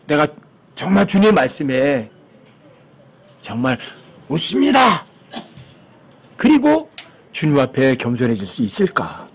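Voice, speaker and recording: A man's voice: high-pitched, husky. A man preaching a sermon as pastor, asking the congregation questions and acting out the lines he quotes.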